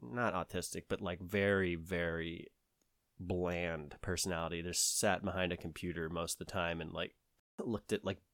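Southern guy rambling on in a chat, kinda low voice, dry close sound. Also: steady tone, normal speed, fairly bright tone, no echo. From American South. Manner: rambling, lots of fillers and restarts. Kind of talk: casual conversation.

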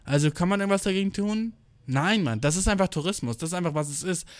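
A man's voice: sits high, fast, dry recording. Slangy ranting young man, dry close sound. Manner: rambling, heavy slang and swearing, quotes himself. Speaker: vlogger. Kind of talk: casual slangy monologue. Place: indoors, travelling abroad.

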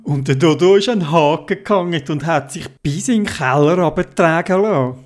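A storyteller with a Swiss German accent, telling an animated children's bedtime story and acting out voices. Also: medium pitch, fairly quick.

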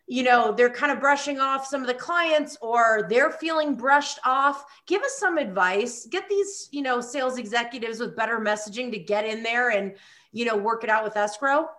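Bright, high-voiced woman podcast host. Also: normal speed. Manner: upbeat, enthusiastic. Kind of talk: podcast interview.

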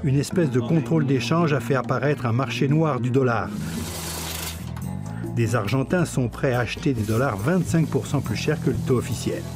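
A man giving a news report in a brisk, factual way. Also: medium pitch. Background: music.

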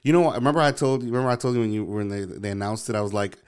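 Rambling man with a smooth voice. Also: on the low side, racing. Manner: rambling, hesitant, lots of fillers and restarts. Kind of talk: casual chat.

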